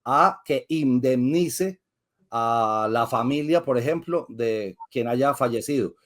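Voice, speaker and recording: A man's voice: mid-range voice, slow pace. A man, a lawyer guest in an interview, who explains patiently like a teacher and asks and answers his own questions. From Colombia.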